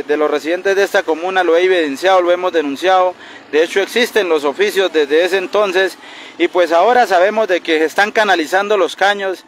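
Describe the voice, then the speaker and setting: A man in his thirties, a community leader, urgently complaining in a street interview by a roadside, held mics close. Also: high-pitched. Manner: urgent, indignant complaint, pointing things out. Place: roadside outdoors by a bridge. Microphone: handheld news mics held close. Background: passing traffic.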